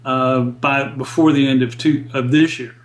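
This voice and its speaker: A man speaking as a guest economist in an interview, explaining data in a measured, deliberate way. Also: mid-range voice, steady tone.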